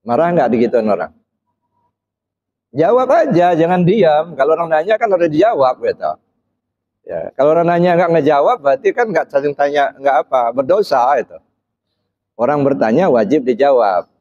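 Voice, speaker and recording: On a dull, slightly muffled recording, an Islamic preacher with a voice on the high side speaks at a moderate pace with big pitch swings and a slightly mellow tone. He questions his listeners, presses them to answer, and peppers his phrases with brief "ya" checks.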